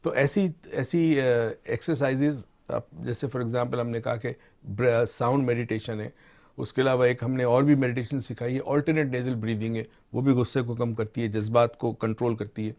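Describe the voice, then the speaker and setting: Calm explaining middle-aged man. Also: mid-range voice. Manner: calm teaching tone, mixes English terms into Urdu. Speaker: expert guest on motivation and mind training. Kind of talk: explanatory discussion.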